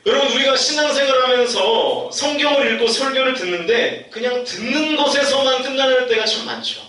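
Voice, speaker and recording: A man's voice: very high voice, a little fast, pushed and bright. A male youth pastor preaching to young adults in a church, telling a story in a chatty way and acting out the voices he quotes. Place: church hall. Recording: echoey church hall, distant mic, faint noise.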